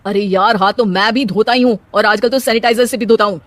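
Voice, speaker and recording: A woman's voice: medium pitch, fairly even intonation, a little fast, dry recording, natural voice. A wry young husband in a cartoon family story, played by a woman narrator. He is teasing and sarcastic, with an exasperated edge to his talk.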